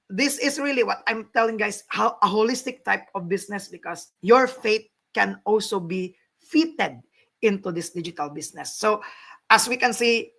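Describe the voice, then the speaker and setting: A woman hosts a casual livestream chat over a video call. She talks in an encouraging way and repeats phrases for emphasis, at a middle pitch. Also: fairly bright tone. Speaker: host.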